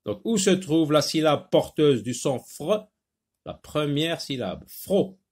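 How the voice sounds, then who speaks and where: A man with a North African French accent teaches phonics to young children at a very slow, deliberate pace. His voice sits a little high for a man, and he stretches and repeats each sound and word so pupils can follow. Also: very animated, a little mellow, husky.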